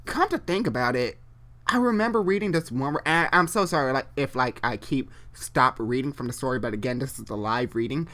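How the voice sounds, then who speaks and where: This live fan fiction reading comes from an online storyteller with an expressive, fairly bright, medium-pitched voice. They trip over lines, go back to repeat and correct them, and drift into informal side comments.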